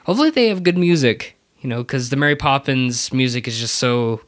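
Podcast host, medium pitch, casual chat, hesitant conversational delivery. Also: expressive, fairly quick. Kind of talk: casual chat about Disney.

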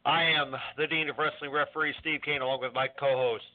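Halting male radio host on a tinny line. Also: on the high side, fairly even intonation. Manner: halting, meandering, repeats himself. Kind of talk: casual live talk radio chat. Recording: tinny phone-like narrowband audio.

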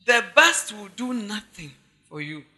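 Preaching a sermon in a large hall, a woman pastor with a Ghanaian accent speaks at medium pitch, a little slowly, with a husky, sharp, very animated voice. She emphasizes her points through repetition and asides addressed straight to the congregation.

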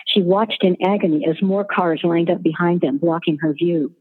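A woman narrating a scripted story in an even, descriptive way, over a tinny line with long reverb. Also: on the low side, moderate pace, husky.

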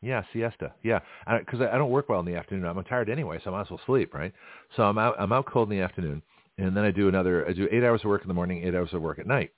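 A man hosting a casual radio talk show, chatty and rambling, his voice a little hoarse and scratchy from shouting. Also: low-pitched, very fast, no room sound, phone-quality sound. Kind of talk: casual live radio chat.

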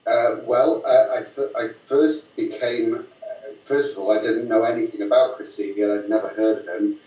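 A filmmaker from Lancashire in northwest England is a guest in a casual storytelling interview, spinning rambling, amused tales full of fillers and restarts. His mid-range voice is fairly even and dark in tone at a moderate pace, and the recording sounds roomy, distant and dull.

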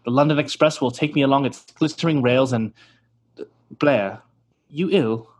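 A man's voice: medium pitch, normal speed, slightly rough, close to an everyday voice. An actor playing a vain, pompous male stage actor who talks theatrically and scoffs, in an old-time radio drama.

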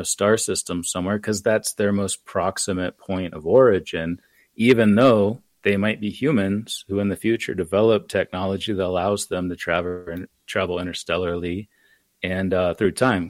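An American man with a fairly low voice, explaining his ideas at length in a loose, rambling way with plenty of fillers. He sounds close to the mic in a dry, dead room. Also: fairly even intonation, moderate pace, dry recording. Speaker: author and guest. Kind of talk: casual podcast conversation.

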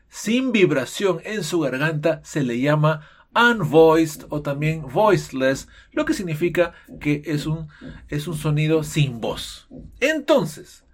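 A man teaching an English pronunciation lesson. His pitch leaps around lively and a bit high, but he takes his time, drawing words out slowly. He plays the part of his own students now and then. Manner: animated, playful, acts out students' objections.

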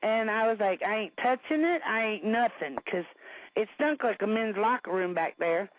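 A woman's voice: medium pitch, lively intonation, normal speed, no echo. A middle-aged woman hosting a casual talk show, telling frank, swearing stories with lots of laughter. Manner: frank, blunt storyteller who swears and laughs often. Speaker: host. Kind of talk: casual chat. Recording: tinny phone-like radio sound.

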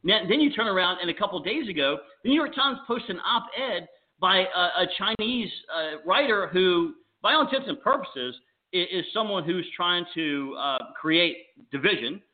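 Guy host on a crackly cordless phone, keeps cutting out, emphatic, higher voice. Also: expressive, normal speed. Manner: emphatic, stumbling restarts, rhetorical questions. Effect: crackly phone line fading in and out. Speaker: talk show host. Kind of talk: political talk show chat. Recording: tinny phone-like line, cutting out.

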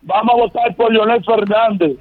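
A man's voice: high-pitched, steady tone, normal speed. A man, calling in to a radio talk show over a phone line. He talks insistently, repeating his points and calling the host by name again and again. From Dominican Republic. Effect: heard over a phone line on the radio. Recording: narrow phone-line sound with crowd noise behind.

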